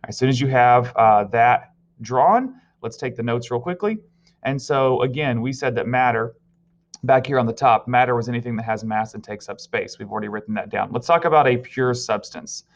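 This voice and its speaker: A male teacher giving a recorded virtual science lesson, explaining step by step and telling students what to write down. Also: medium pitch. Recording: slightly dull lo-fi audio.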